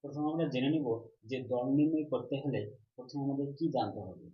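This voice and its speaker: A man's voice: mid-range voice, fast. A man teaching an online grammar lesson, asking questions and answering them himself, drawing out syllables. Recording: roomy, slightly dull recording.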